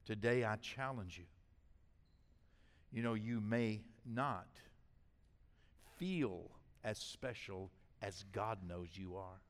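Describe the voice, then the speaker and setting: An older man preaching a sermon as pastor, swinging between loud build-ups and hushed asides. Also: on the low side, takes it slowly, pauses often, long reverb tail.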